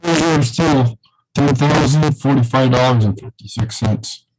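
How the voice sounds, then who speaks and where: A man's voice: medium pitch, normal speed, darkish tone. Man on a crackly call line. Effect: crackly, breaking-up call line. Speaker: association treasurer. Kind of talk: business meeting report.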